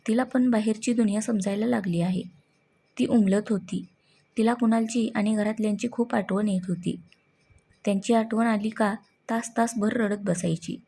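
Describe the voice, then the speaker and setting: Woman storyteller, even read, husky and gravelly. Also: medium pitch, moderate pace. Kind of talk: scripted story narration.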